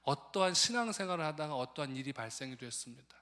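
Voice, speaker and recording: A male pastor tells a joking story from the pulpit and talks straight to his congregation. His voice is bright and sits a bit high. A long church hall reverb trails every phrase. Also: expressive, fast talker. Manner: humorous, conversational, addresses the congregation. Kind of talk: storytelling sermon.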